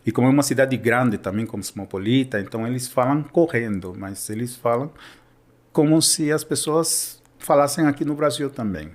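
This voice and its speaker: In a relaxed teaching conversation, a Peruvian man who teaches Spanish speaks Portuguese with a Peruvian Spanish accent and regularly checks in with his listener. He talks at a moderate pace with a medium-pitched voice.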